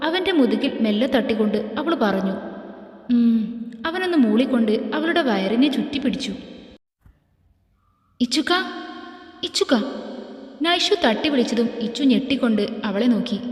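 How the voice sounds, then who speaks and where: Brief: female storyteller, gentle reading, slightly high voice, roomy reverb. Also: animated, fast, few pauses. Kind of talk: scripted story narration. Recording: echoey room with long reverb.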